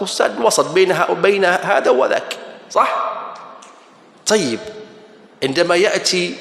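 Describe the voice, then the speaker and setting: A man preaching a humorous sermon, telling stories and acting out voices. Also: on the high side. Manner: lively storytelling, acts out voices. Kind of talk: humorous sermon in Gulf dialect. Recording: echoey hall reverb.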